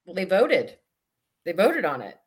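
A woman's voice: on the low side, huge pitch swings, a little slow, a crowd in the background. A woman panelist giving blunt opinions in a political discussion.

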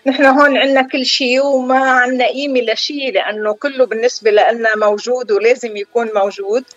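A middle-aged woman with a Lebanese accent, a chef speaking over the phone as a guest on a call-in interview, telling her story calmly and without hurry. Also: fairly high pitch, a little fast. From southern Lebanon. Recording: dull phone line.

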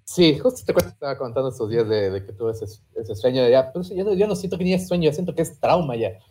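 A man's voice: medium pitch, expressive, fast talker, dark tone. A young man, co-hosting a podcast and chatting loosely with plenty of swearing. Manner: swears freely, recounts dreams. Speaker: podcast co-host. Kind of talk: casual chat.

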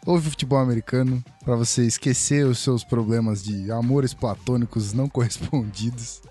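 A man's voice: medium pitch, fairly even intonation, normal speed, dark tone, breathy edge, soft background music. A man with a Brazilian accent hosting a podcast in casual, jokey, teasing chat, reading out listener questions.

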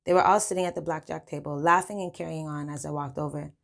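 A woman's voice: low voice, fairly even intonation, fast talker, creaky. A woman reading her own first-person story in a casual, slangy way. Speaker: narrator.

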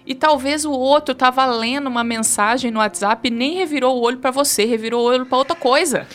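A Brazilian woman in her thirties speaks as a guest expert on a studio talk show. Her voice sits a little high, and she explains at length with animated, acted-out examples of what people say. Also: fairly quick. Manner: animated, acts out quoted speech. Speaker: communication specialist guest.

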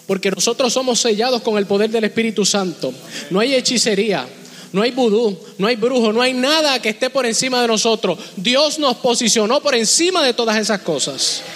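A man's voice: extremely high pitch, a bit bright. A man preaching a fervent sermon as pastor, urging his congregation. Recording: long hall reverb with music behind.

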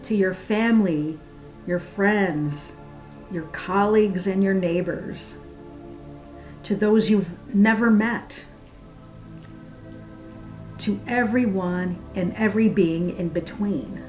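Slow, soft, hushed woman guiding meditation. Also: medium pitch, lo-fi sound, faint music behind. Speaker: guided meditation leader. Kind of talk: slow guided meditation and prayer.

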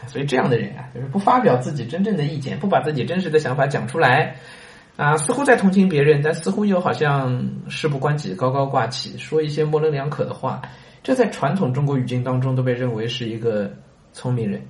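A man's voice: medium pitch, fast, reverberant. A man reading a classic story aloud and explaining it, chatting with listeners and asking them rhetorical questions. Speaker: reader and commentator on a classic story. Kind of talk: storytelling lesson with commentary.

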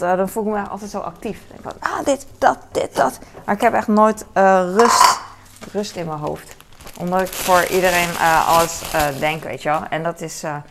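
Gravelly rambling woman, Hong Kong accent. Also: on the low side, background noise. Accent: Hong Kong Cantonese. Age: 40s. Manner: rambling, lots of fillers. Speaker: mother. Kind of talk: casual chat while doing chores.

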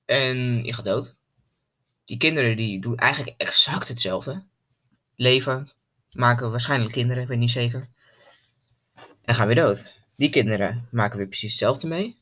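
A man's voice: mid-range voice, moderate pace, pauses often, bright, forceful tone. A young man with a mid-range voice chats loosely as a podcast co-host. He drops slang and circles back over the same phrases. His delivery is informal and unpolished. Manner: loose, slangy, repeats himself. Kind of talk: casual chat.

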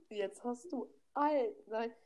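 A woman's voice: fairly high pitch, very slow, darkish tone. A teenage girl in a casual chat game, teasing and a bit bossy.

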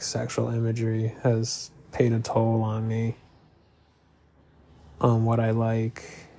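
A man's voice: medium pitch, mellow. A young man talking hesitantly in a personal confessional monologue, full of fillers and restarts.

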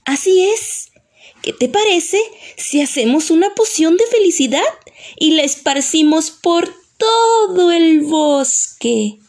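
A woman's voice: extremely high pitch, animated, slow, a little mellow, voice pushed up, heavily acted. A woman voicing a kind, beautiful female fairy who speaks sweetly and encouragingly in a children's audio story. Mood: cheerful.

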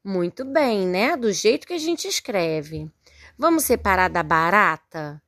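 A woman's voice: mid-range voice, lively intonation, a little slow, a bit bright, dry recording, clean studio sound. A Brazilian woman teaching first graders in a recorded lesson, patiently sounding words out syllable by syllable and praising often. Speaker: primary school teacher. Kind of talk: recorded remote lesson for young children.

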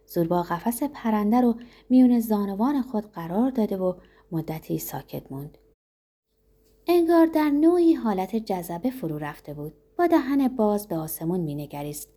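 A woman narrating a novel in the first person, reading in a steady, measured literary way. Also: mid-range voice. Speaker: audiobook reader.

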